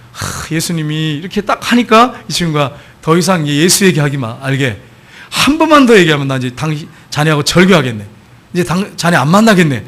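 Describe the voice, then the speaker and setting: A middle-aged man preaching a sermon as a pastor, telling a story and acting out its dialogue, building to loud calls to the congregation. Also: high voice. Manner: storytelling preacher, acts out quoted dialogue, rises to loud exhortations.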